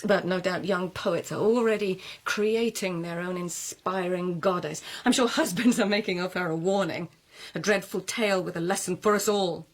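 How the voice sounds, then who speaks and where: Voicing a sharp, outspoken lady of the court for a radio drama, an actress delivers deliberate, rhetorical lines laced with pointed irony. She sounds impassioned and scornful, in a fairly low pitch.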